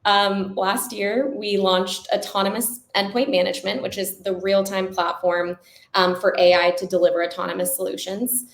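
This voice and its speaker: Upbeat woman recruiter pitching in echoey room. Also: flat delivery, normal speed, gravelly. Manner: conversational, checks in with "right?". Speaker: company recruiter. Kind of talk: recruiting pitch presentation with slides.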